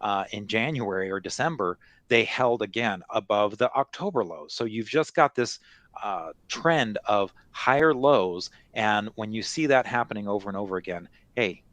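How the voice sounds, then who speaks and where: A man's voice: lowish voice, expressive, moderate pace, a bit bright, dry recording. A man giving unscripted market commentary as an analyst, explaining things conversationally with frequent little check-in phrases. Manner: conversational, explanatory, peppered with "you know" and "right?".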